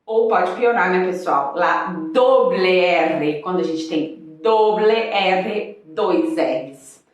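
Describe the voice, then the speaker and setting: A Brazilian woman from Espírito Santo with a Capixaba accent, teaching an online Spanish pronunciation lesson and slowing down to model each word. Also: fairly low pitch, heavy reverb, far from the mic, lo-fi sound, faint music behind. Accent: Capixaba Brazilian Portuguese. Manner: lively, addresses students directly, slows down to model words.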